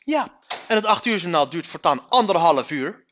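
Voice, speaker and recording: A man's voice: fairly high pitch, very animated, normal speed, a bit bright, lo-fi sound, slight background noise. A young man giving crude, mocking commentary in a casual, profane style, often laughing. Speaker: streamer reacting to a news item.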